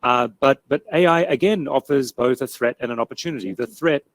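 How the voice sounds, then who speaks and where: Measured man answering on a panel. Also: medium pitch.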